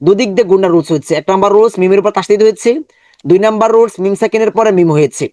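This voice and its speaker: High-voiced patient male Quran teacher. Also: rapid-fire, dark tone, dry recording. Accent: Bangladeshi Bengali. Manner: patient, repetitive, drills syllables aloud. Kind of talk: step-by-step online lesson.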